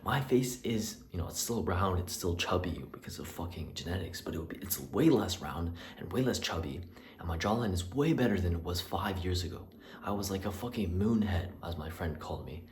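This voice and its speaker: Low-voiced young guy ranting and cussing, rambles a lot, echoey little bathroom, faint hum behind. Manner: profane, rambling, restarts, drops to a whisper at times. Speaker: vlogger. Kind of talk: rambling personal rant. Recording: echoey small room with faint ambience.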